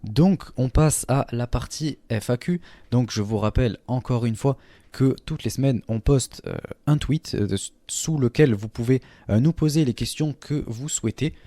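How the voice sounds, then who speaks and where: A man's voice: mid-range voice, normal speed, dark tone, no echo. A man co-hosting a casual podcast, talking with frequent hesitations and fillers. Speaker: podcast co-host.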